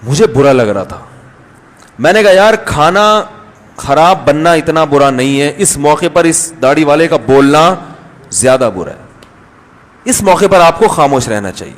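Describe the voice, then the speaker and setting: High-voiced male cleric in a reverberant hall. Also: expressive. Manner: conversational, anecdotal, acts out voices in stories. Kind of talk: storytelling religious talk.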